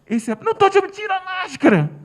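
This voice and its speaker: A Brazilian man voicing a rude, haughty woman at a restaurant who shouts with contempt, quoted in his spoken story. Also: very high voice, very animated, rapid-fire, pitched above the performer's own voice. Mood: haughty shouting.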